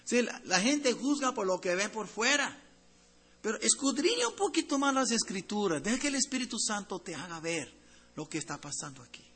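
Husky, bright-voiced Spanish-speaking preacher. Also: male voice, sits high, very animated, moderate pace. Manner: swings between loud emphatic and hushed tender delivery; addresses congregation as brothers. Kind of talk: sermon.

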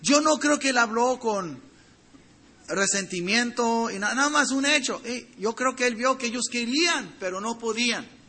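High, bright-voiced male preacher. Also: lively intonation, normal speed, slightly rough. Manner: expository preaching, reading verses and addressing the congregation; frequent restarts and stumbles while building points. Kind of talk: sermon.

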